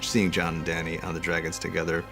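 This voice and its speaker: A man gives behind-the-scenes commentary in a low voice with heavy fry. His intonation stays quite flat, and music runs underneath as he explains the series. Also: fast. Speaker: series creator commenting on episode.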